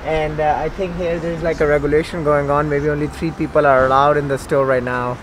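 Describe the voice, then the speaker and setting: A man's voice: fairly high pitch, flat delivery, fairly quick, noisy background. A man in his thirties from India, chatting casually to a handheld camera outdoors and in a car as a travel vlogger, full of fillers. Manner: chatty, many fillers like "like" and "I mean". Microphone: handheld camera at arm's length.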